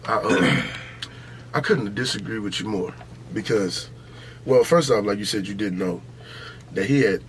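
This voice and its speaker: An American podcast host talks casually and emphatically, full of slang and swearing, repeating his points as he gives his opinions. His fairly low voice moves a little slowly with frequent pauses, and there's a little hiss or hum.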